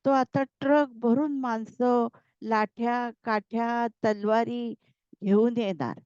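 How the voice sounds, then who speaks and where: A woman's voice: a little high, fairly even intonation, slow, a little mellow, clear, resonant tone, no echo, muffled recording. A woman voicing a bewildered, stubborn young husband who keeps insisting he is right. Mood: insistent. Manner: insistent, protesting.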